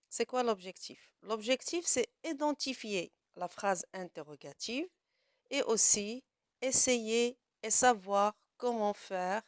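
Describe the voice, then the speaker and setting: A woman gives a classroom grammar lesson at a very slow, deliberate pace, in a fairly high voice. She asks her pupils questions and then answers them herself. The sound is dry and close, with no room echo. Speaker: teacher.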